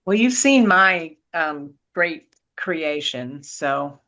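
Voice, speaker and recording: A woman's voice: deep voice, expressive, drawn-out words, sharp tone. A woman leading an online drawing class, chatty and encouraging as she calls on students to share their work. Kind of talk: casual online class chat.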